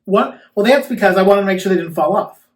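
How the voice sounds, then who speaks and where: A man's voice: high-pitched, very fast. A man talking casually in an interview as a sassy, campy drag queen. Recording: roomy echo, distant microphone.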